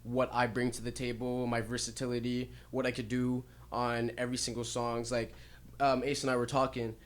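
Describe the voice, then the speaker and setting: A man's voice: mid-range voice, little pitch movement, moderate pace. A man being interviewed on a radio show about his music, talking candidly and easily with plenty of ums and likes. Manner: candid, laid-back, frequent um and like. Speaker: music artist guest. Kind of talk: casual interview. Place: radio studio.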